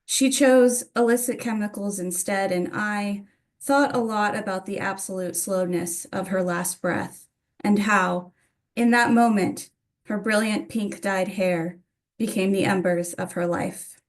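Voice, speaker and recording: A woman's voice: medium pitch, fairly even intonation, measured pace. Woman reading her poems aloud. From Atlanta, United States. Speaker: poet reading own work. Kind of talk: poetry reading with casual introductions.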